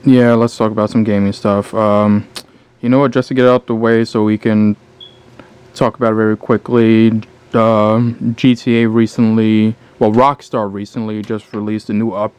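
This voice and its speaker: A man co-hosting a casual gaming podcast, talking in a low-key, dry and sarcastic way. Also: flat delivery, normal speed, darkish tone, clean tone. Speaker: podcast co-host.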